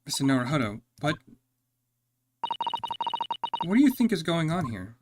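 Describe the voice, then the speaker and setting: A man voicing a courteous young female legal assistant, speaking gently. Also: a little high, sing-song, normal speed, very noisy. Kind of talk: reading game dialogue aloud. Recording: game music playing behind.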